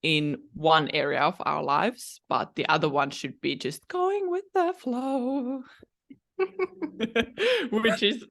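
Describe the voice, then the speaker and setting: A woman dating coach giving advice as a guest in a conversational interview, measured and emphatic. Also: on the high side, animated, creaky, a bit bright.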